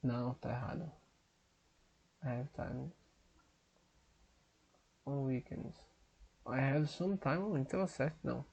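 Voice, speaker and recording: Gravelly, slow Brazilian man muttering. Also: medium pitch, dull audio. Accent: Brazilian Portuguese. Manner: mutters to himself, repeats drill sentences loudly. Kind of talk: thinking aloud through language-app exercises. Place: at a desktop computer.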